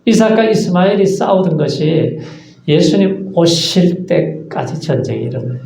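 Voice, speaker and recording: Preaching in a church sanctuary with an echoey sound, a man serving as pastor delivers an earnest sermon full of rhetorical questions and brief acted-out asides. His voice sits high yet is gravelly and darkish in tone, expressive and at a moderate pace.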